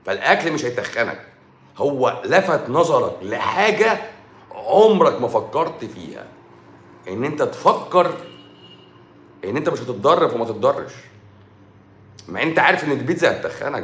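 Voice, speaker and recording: A man's voice: mid-range voice, very animated, brisk, long pauses, a bit bright. A man with an Egyptian Arabic accent, a doctor hosting a livestream, talking in a sarcastic, scolding way. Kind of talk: casual livestream rant. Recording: roomy echo.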